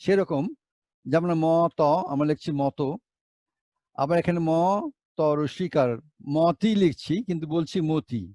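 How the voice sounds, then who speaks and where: A man's voice: fairly high pitch, fairly even intonation, moderate pace, long pauses, mellow, dry recording. A male teacher giving a Bengali pronunciation lesson, spelling words out letter by letter and asking rhetorical questions.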